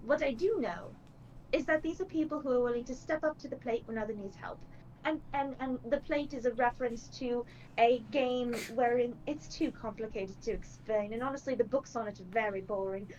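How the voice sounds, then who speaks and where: A woman's voice: high-pitched, natural voice. A woman voicing an articulate woman adventurer who argues her case point by point. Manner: measured and persuasive, debating point by point. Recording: slightly dull with faint noise.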